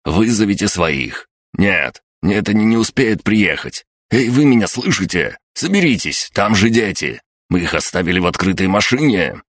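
A man voicing a weary, stern middle-aged police sergeant who talks in curt, gruff phrases. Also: a bass voice, level tone, brisk, a bit bright, no room sound, clean studio sound. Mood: alarmed.

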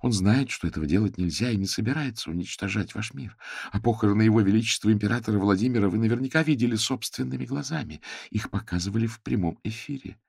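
A man's voice: lowish voice, animated, normal speed, gravelly, warm tone, slightly rough, no echo, clean studio sound, exaggerated voice. A man voicing a frightened, pleading female div spirit in an audiobook. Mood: defiant. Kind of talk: audiobook character voice.

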